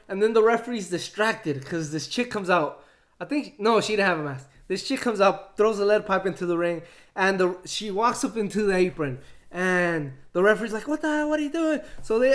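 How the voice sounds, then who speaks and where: A man chatting excitedly in a casual review, retelling scenes and laughing often. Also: high-pitched, moderate pace. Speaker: wrestling show reviewer.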